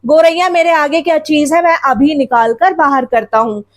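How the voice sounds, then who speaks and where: A woman's voice: high-pitched, lightly acted. A woman reading out an indignant, hot-tempered father. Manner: blustering, quick indignant retorts.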